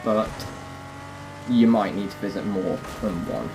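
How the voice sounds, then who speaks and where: Over a very noisy recording, a gaming host with a lowish voice gives casual walkthrough commentary at a measured pace, explaining each step straight to his audience.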